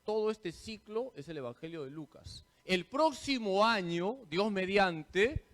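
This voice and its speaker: Man, priest, slow and animated, quizzes the room and repeats points like a teacher. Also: high voice. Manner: quizzes listeners with questions, then answers them himself. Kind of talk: parish catechesis talk.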